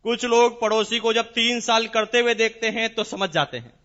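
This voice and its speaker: A man speaking as a motivational business seminar speaker in a large hall, emphatic and repetitive, with rhetorical questions and drawn-out stresses. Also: very high-pitched, sharp tone, muffled recording.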